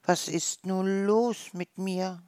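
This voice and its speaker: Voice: medium pitch, steady tone, slow, a little mellow, no echo, lightly acted. A storyteller voicing a hungry, puzzled young hedgehog who asks naive questions in a storybook.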